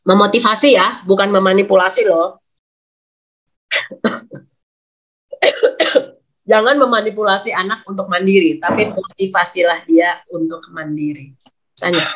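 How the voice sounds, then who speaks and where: A woman's voice: mid-range voice, fairly even intonation, unhurried, pauses often, a bit bright. A woman speaking on a video call, advising parents in a webinar talk and sometimes acting out child and parent voices.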